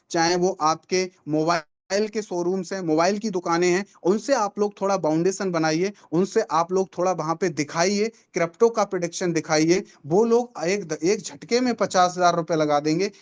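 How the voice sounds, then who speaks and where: A man leads a live online training session, selling hard and persuading. He repeats his key lines for emphasis and keeps turning to the audience with questions. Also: sits high. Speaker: network marketing trainer.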